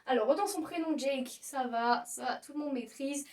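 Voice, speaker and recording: A woman's voice: high voice, moderate pace, darkish tone, recorded from a distance. A young woman, a video host, explaining pronunciation in a casual, playful way and exaggerating the mistakes. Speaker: YouTuber teaching pronunciation.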